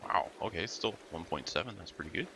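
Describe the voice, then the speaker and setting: A man with a gravelly early-morning voice gives casual commentary over a game he is playing, rambling and muttering to himself as he goes. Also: low-pitched, expressive, a little fast, noisy background. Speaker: let's play host.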